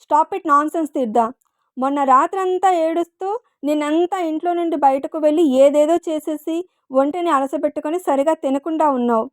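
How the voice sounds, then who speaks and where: A woman's voice: high-pitched, moderate pace, dry recording, studio quality, close to an everyday voice. Woman voicing a firm, teasing young man. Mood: stern. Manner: teasing, commanding, sarcastic.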